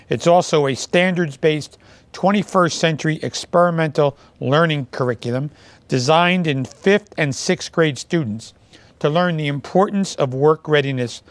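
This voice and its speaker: A man's voice: fairly high pitch, no room sound. A man who is a mayor hosting a local TV show, reading announcements and chatting with guests in a friendly, joking way.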